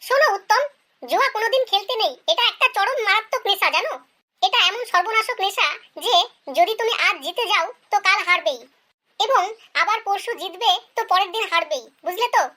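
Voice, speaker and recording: Voicing a stern, bossy schoolteacher for an animated comedy sketch, a performer uses a very high voice at a slightly quick pace as the character scolds and interrogates her pupils.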